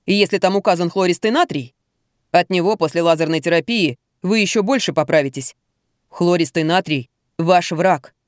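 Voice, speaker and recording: A woman voicing a calm middle-aged male doctor who explains things slowly and matter-of-factly. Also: on the low side, dry recording, clean studio sound, close to an everyday voice. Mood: instructive.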